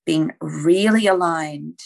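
A woman with a slightly low voice talks through brand strategy as a podcast guest. She speaks earnestly, peppering her explanations with rhetorical questions and casual fillers. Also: slow, creaky. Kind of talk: conversational explaining.

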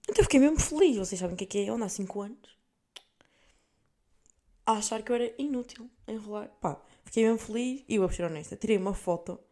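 Fast-talking young Portuguese woman. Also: mid-range voice, lively intonation, mellow. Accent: European Portuguese. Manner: chatty, swears freely, mixes in English words, laughs at herself. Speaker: podcast host. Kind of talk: casual monologue, storytelling.

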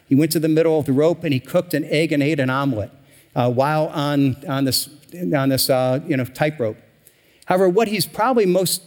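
A man's voice: a little high, a little mellow, in a large hall. A man preaching a sermon in a church, talking in a loose, conversational way with fillers and restarts. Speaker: pastor. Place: church sanctuary.

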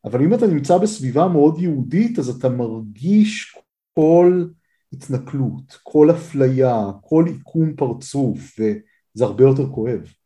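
A man's voice: medium pitch, expressive, mellow. A man with an Israeli accent hosting a conversational interview, speaking in a reflective, articulate way. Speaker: podcast or radio host.

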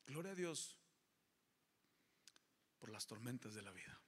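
A man in his thirties preaching a bilingual sermon as a pastor, switching between Spanish and English and building to forceful exhortation. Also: mid-range voice. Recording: echoey hall with long reverb.

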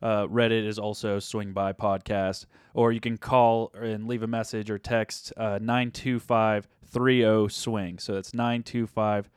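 A man's voice: lowish voice, level tone, measured pace, hardly any pauses, clean tone, no room sound, clean studio sound. A man co-hosting a casual podcast, rambling and often restarting his sentences. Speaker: podcast co-host. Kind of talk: casual chat.

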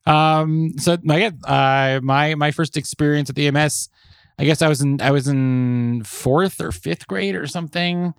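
A man hosts a podcast in casual conversation. His voice sits slightly high and he feels his way through sentences, with a dry, close room sound. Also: fairly even intonation, measured pace, vocal fry, smooth, no echo. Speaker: podcast host.

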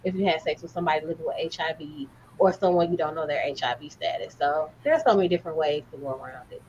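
A woman's voice: sits low, fast, a little mellow, muffled recording, slight background noise. A woman guest on a livestream chat, frank and bold, laughing as she talks. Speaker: co-host guest.

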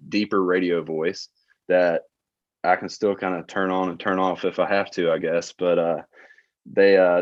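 A low-voiced man in his late twenties with a Southern Alabama accent, telling stories at an easy pace with plenty of ums and uhs. The sound is dry and a little dull, like a dead podcast room. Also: no echo. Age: late 20s. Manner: relaxed storytelling with filler words and laughs. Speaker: guest, tour manager. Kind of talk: casual interview chat.

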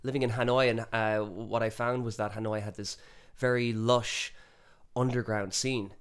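A man's voice: lowish voice, fairly even intonation, moderate pace, clean tone. A man with a west of Ireland accent, chatting casually and enthusiastically as an interview guest, telling stories in Irish turns of phrase. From Galway, west of Ireland. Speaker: interview guest, musician and performance poet.

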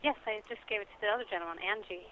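A woman's voice: mid-range voice, rapid-fire, slight background noise. A woman who works as a store manager, heard over the phone, talking in a polite and puzzled way and asking questions. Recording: muffled phone line.

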